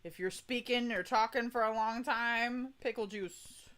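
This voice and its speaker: A woman chats to viewers on a livestream in an informal, folksy way. Her voice sits high with a bright edge, and she takes her time as she talks. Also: a little slow. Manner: chatty, informal, folksy "y'all". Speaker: VTuber streamer, voice coach. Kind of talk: casual livestream chat.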